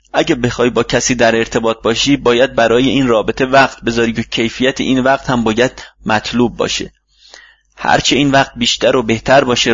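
Patient fatherly mentor read by a man, husky voice, dull dry recording. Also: mid-range voice, dry recording. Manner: calm, instructive, fatherly. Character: wise older male mentor gardener, patient. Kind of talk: audiobook reading.

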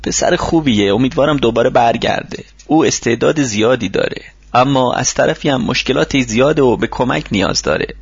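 A man's voice: medium pitch, vocal fry, breathy edge, no room sound, highs cut off. A man reading a storybook, voicing a kindly older mentor who runs a workshop and gives patient advice. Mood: advising. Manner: patient, advising tone.

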